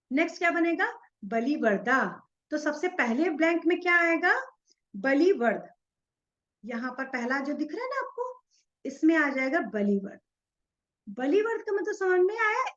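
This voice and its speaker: A woman's voice: extremely high pitch, big pitch swings, a bit bright, dull audio. A woman teaching a class, asking questions and answering them herself as she spells words out letter by letter. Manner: spells out each letter slowly while writing. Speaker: Sanskrit teacher. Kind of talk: explaining a textbook lesson.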